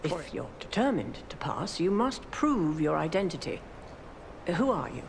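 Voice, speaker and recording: An actress playing a weary, guilt-ridden woman guarding a forbidden path in a game, grave and resigned, with a creaky voice. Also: sits low, sing-song, a little slow, exaggerated voice. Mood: grave, guarded. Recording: game audio with background noise.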